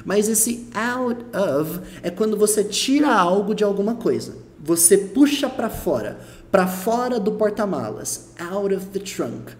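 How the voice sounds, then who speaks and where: A man's voice: high voice, expressive, measured pace, a little mellow. A Brazilian man teaching a lesson, explaining patiently, repeating his points and checking the listener follows. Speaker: English teacher.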